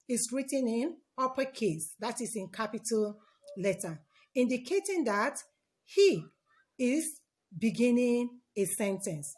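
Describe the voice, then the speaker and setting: Slow, lively-voiced woman teaching children. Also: fairly high pitch. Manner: repeats key words and asks the class questions. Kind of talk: online lesson for children.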